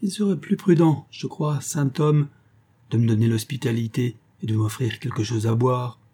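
A man's voice: medium pitch, moderate pace, warm tone, husky, lightly acted. A man voicing a sardonic, insolent male drifter in his mid-thirties, mocking and pushy.

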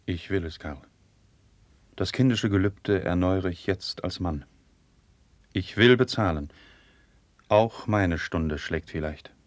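An actor playing a loyal, earnest noble friend of the prince, speaking measured, solemn verse in a 1950s radio drama. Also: male voice, low-pitched, dry recording.

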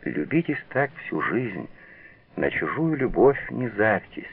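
A man's voice: fairly low pitch, big pitch swings, slow pace, gravelly, slight background noise, exaggerated voice. Brief: male reader doing a weary, plain-spoken peasant widow, radio-play storybook, thin radio sound. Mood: tender. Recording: tinny old radio broadcast.

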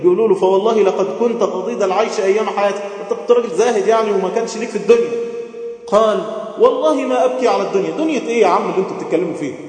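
Egyptian preacher in a booming hall. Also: male voice, steady tone, rapid-fire. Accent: Egyptian Arabic. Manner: emotive, swings between loud chanting and soft pleading. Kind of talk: sermon. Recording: booming echo with long hall reverb.

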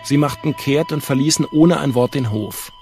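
A man reading an audiobook in a measured, calm storytelling manner. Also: medium pitch, over music. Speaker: audiobook narrator. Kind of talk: scripted narration.

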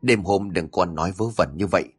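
Harsh, snappish husband, read by a male storyteller, low and husky. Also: fairly quick, faint music behind. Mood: angry. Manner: snapping, curt. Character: irritable young village husband, harsh.

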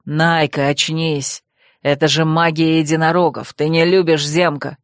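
A lovesick young werewolf from an audiobook speaks in a low, rumbling growl, as a woman narrator puts him on. He talks heatedly and bitterly, his voice dropped well below a woman's usual range. The sound is dry and close. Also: level tone, a little slow, no room sound. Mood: urgent. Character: passionate young male werewolf suitor, brooding. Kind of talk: audiobook character voice.

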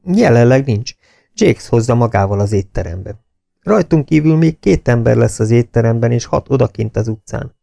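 A man's voice: mid-range voice, lively intonation, gravelly, warm tone, dry recording, clean studio sound. A man voicing a tense, commanding army officer in an audiobook. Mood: determined. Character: tense British intelligence officer.

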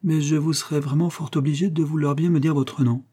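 Guy reading as a vain gushy auntie, high-pitched, theatrical and pious, storybook. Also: fairly even intonation, fairly quick, dark tone, natural voice. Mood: gushing. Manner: effusive, theatrical, pious exclamations. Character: vain gushing middle-aged woman, newly remarried aunt.

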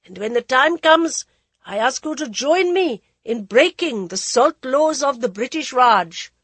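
A woman voicing a frail elderly male freedom leader who addresses a crowd with impassioned oratory in a high, nervous voice. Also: expressive, measured pace, fairly bright tone, breathy edge, no echo, exaggerated voice. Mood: impassioned rallying. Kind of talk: audiobook character voice.

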